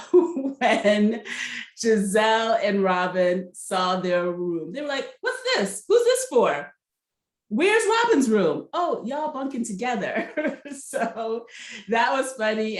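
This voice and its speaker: A woman casually recapping a reality TV episode in a gossipy, chatty way, laughing often and asking her viewers what they think. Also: medium pitch. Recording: roomy echo.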